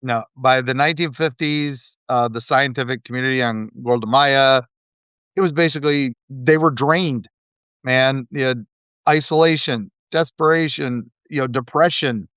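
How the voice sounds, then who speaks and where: A man's voice: medium pitch, moderate pace, a bit bright, clear, resonant tone, no room sound, studio quality. A man hosting a podcast, telling history in a rambling, casual way with frequent laughs. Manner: rambling, laughs often, fillers. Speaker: podcast host.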